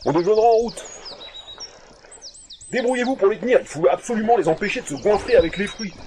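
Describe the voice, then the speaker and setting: A man acting as an excitable, bossy adventurer in a fantasy audio saga, speaking in emphatic slang. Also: high voice, fast talker, a little hiss or hum. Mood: bossy, impatient. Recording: music under the voice.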